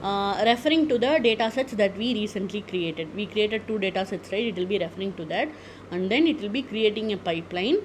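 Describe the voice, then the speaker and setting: Woman walking through software steps. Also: mid-range voice, fairly quick, rough recording. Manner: methodical, step-by-step, frequent "okay" and "uh" fillers. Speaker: tech tutorial presenter. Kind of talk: screen-recorded software tutorial. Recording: noticeable background noise.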